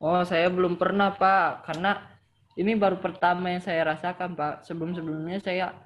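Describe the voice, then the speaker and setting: A man's voice: high-pitched, flat delivery, moderate pace, a bit bright. A man playing a polite middle-aged patient on a health call, deferential and hesitant, describing things piece by piece. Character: polite middle-aged male patient reporting his symptoms. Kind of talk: role-played patient call. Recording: dull lo-fi call audio.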